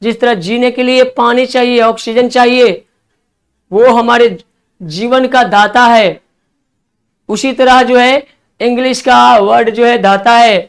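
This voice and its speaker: Man, classroom English-vocab teacher, clear smooth voice, spells words out, coaxing. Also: very high-pitched. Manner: spells words letter by letter, coaxing students to write fast.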